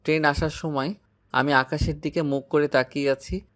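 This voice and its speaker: A man's voice: on the high side, fairly even intonation, moderate pace, a bit bright. A man narrating a dramatic first-person audio story, anxious and despairing.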